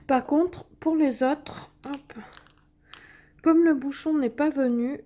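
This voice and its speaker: Woman hosting a craft tutorial; chatty, filler-heavy, mellow and higher-pitched. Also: takes it slowly. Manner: chatty, many fillers and little "hop" sounds while working. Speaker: craft video host. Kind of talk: casual craft demonstration.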